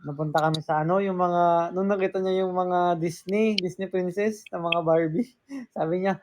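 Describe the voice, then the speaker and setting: A man's voice: sits high, steady tone, moderate pace. A young man from the Philippines hosting a casual live stream, telling a story with acted-out quotes, dropping English words in and laughing often.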